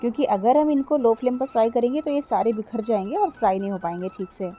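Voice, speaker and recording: A woman's voice: fairly high pitch, quick pace, mellow, soft background music. A middle-aged woman narrating a cooking vlog, chatty, explaining each step and often speaking straight to her viewers. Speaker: cooking vlogger. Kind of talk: casual voice-over cooking vlog.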